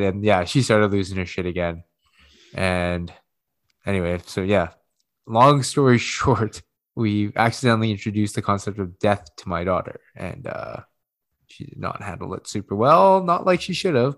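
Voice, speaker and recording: A man's voice: lowish voice, normal speed. A man co-hosting a casual podcast chat, telling a rambling story as a father, swearing freely and correcting himself as he goes.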